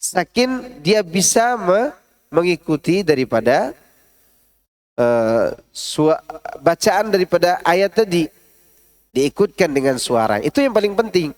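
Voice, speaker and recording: A man's voice: high voice, lively intonation, takes it slowly, pauses often, a little mellow. A man teaching a Quran study class in a large mosque, explaining with examples, asking the audience rhetorical questions and reciting verses in a melodic tone. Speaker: ustadz giving a Quran tafsir study. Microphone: stood up while speaking.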